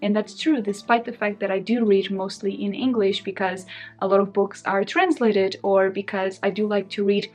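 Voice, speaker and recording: A young woman whose first language is Portuguese chats casually to camera as a book vlogger, musing indecisively and laughing often. Her mid-range voice is steady and a little mellow, at a moderate pace. Faint guitar music plays behind her.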